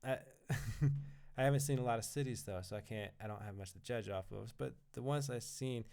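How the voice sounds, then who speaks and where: A man's voice: mid-range voice, a little fast, vocal fry, a little mellow, clear, resonant tone. A man in a casual podcast conversation, rambling, laughing often and swearing now and then. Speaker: podcast guest or co-host. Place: indoor podcast recording in Colorado.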